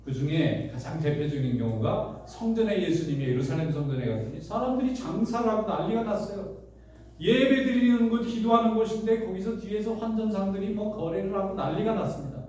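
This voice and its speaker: A man's voice: high-pitched, animated, a little fast, darkish tone, a little hiss or hum. A man who pastors a church, preaching a sermon in a conversational storytelling way with many rhetorical questions. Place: church sanctuary. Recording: echoey church hall, voice from a distance.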